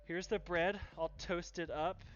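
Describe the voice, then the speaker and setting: A man's voice: high-pitched, fairly even intonation, slow pace, highs cut off, soft background music. Upbeat man hosting a cooking stream. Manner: upbeat, thanks viewers while cooking. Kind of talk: live cooking stream chat.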